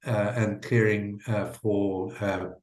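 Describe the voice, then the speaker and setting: A man's voice: fairly low pitch, little pitch movement, a little mellow, roomy sound. Zimbabwe-born man presenting, full of uhs. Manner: halting, very frequent uhs. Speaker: government vegetation management presenter. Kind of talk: webinar presentation.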